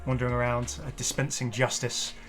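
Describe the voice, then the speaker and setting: With music underneath, a man hosting a gaming video offers casual, chatty showcase commentary full of enthusiasm and rambling asides. His mid-range voice is brisk, yet the delivery is completely flat.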